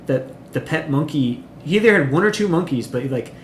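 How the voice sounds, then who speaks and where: A man's voice: a little high, lively intonation, brisk. A man co-hosting a podcast, chatting casually and rambling, with frequent ums and swearing. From Chile. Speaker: podcast co-host. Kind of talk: casual chat. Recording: echoey room, faint noise.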